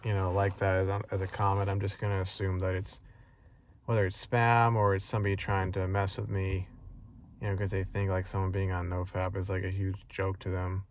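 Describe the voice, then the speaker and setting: Low, flat-voiced man rambling to camera. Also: a little fast, slight background noise. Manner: rambling, many fillers and restarts; frustrated, earnest. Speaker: vlogger. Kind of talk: casual personal vlog monologue.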